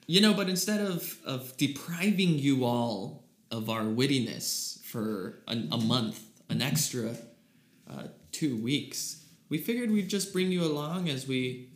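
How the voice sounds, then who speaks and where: A man's voice: mid-range voice, expressive, a little slow. A man co-hosting a casual religious chat podcast, playful and rambling, often laughing. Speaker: podcast co-host. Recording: echoey room.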